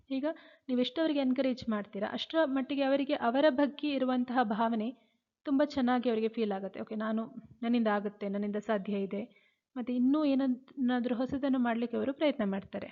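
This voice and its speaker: A woman's voice: on the high side, steady tone, fairly quick. A woman teacher giving a lecture, reading English points aloud and then explaining each one in Kannada. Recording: phone-like narrow sound.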